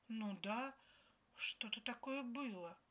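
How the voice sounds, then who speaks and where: A woman's voice: on the high side, takes it slowly, bright, forceful tone, slight background noise, voice pushed up. A woman voicing a naive, emotional young woman who talks in heated exclamations. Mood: grumpy.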